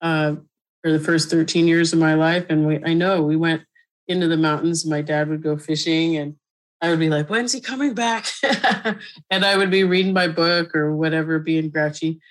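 A middle-aged woman from Colorado talks as a guest on a podcast. Her voice is low, and her manner is chatty and relaxed, full of fillers and frequent laughter. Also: moderate pace, poor audio. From Colorado, USA. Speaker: guest mushroom expert. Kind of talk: casual interview conversation.

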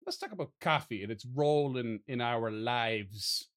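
A man's voice: mid-range voice, lively intonation, moderate pace, a bit bright. A man hosting a casual podcast chat with friends, laughing often and teasing his guests. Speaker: podcast host.

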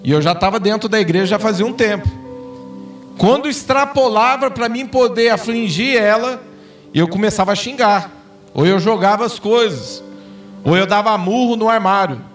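A Brazilian pastor with a high voice preaches in church, telling stories and playing out the dialogue in them. He sounds a little far from the mic, with soft music underneath. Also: normal speed. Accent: Brazilian Portuguese. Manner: storytelling, acts out quoted dialogue with rising intensity. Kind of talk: sermon. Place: church sanctuary.

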